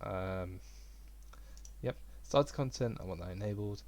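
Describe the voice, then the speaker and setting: A young man with a lowish voice talks through a game engine tutorial in a loose, casual way. He rambles a little and pokes fun at himself as he clicks through the steps. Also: measured pace. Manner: relaxed, rambling, self-deprecating. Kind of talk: casual screen-recorded tutorial.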